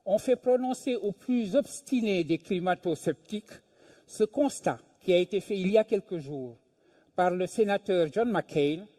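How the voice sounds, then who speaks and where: An older man from Senegal, a philosophy professor, giving a measured, deliberate public talk with emphatic pauses. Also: sits high, mellow. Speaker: invited speaker, philosophy professor. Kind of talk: lecture at a public event.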